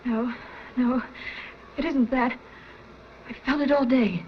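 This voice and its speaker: Nervous young bride, old 30s movie drama, highish, muffled n a bit noisy. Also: female voice, fairly even intonation, slow pace. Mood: anxious foreboding. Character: anxious young bride full of foreboding. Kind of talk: 1930s film acting. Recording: dull old film soundtrack, faint noise.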